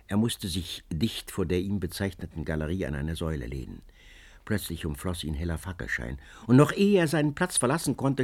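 A man reading a classic story aloud as narrator, expressive and measured. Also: sits low, slightly rough. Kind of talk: literary audiobook narration.

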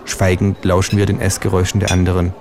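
A man narrating a first-person comic audiobook in a dry, deadpan way. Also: deep voice, fast, a little hiss or hum.

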